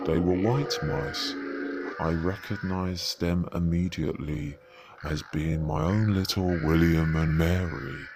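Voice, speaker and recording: Deep, slow male storybook narrator. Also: steady tone, music in the background. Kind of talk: storybook reading.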